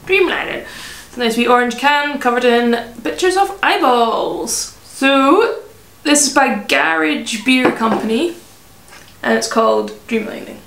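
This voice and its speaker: Woman beer reviewer, higher voice, giggly casual chat, roomy echo. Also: a little slow, vocal fry, a bit bright, a little hiss or hum. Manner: chatty, giggly, trails off mid-sentence. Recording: echoey room.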